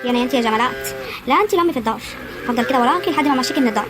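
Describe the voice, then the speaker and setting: Woman playing a young village man, rural Egyptian accent, worried, hushed, very fast, loud outdoor noise. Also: high voice, lively intonation, voice pushed down. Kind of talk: amateur village drama acting.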